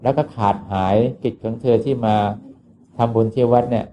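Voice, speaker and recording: A man, a Buddhist monk, telling a moral tale in an unhurried sermon with frequent filler sounds. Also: medium pitch, fairly even intonation, warm tone, slight background noise. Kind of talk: storytelling sermon.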